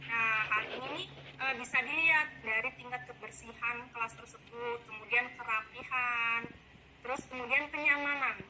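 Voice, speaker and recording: A woman with a slightly raised pitch acts as the coach in a role-play. She is polite and encouraging and keeps affirming the other speaker. Steady background noise is clearly audible. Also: moderate pace, low-quality recording. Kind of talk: role-played coaching session.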